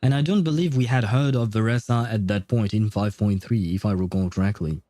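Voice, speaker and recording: A gaming streamer with a low, mellow voice talks briskly while playing a story game, chatting casually in a rambling, jokey way and laughing at himself. The sound has no echo, with soft music in the background.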